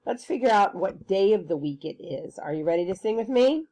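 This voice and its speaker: A woman's voice: mid-range voice, lively intonation, brisk, warm tone. A woman preschool teacher leading a circle time lesson for children in an encouraging, sing-song way.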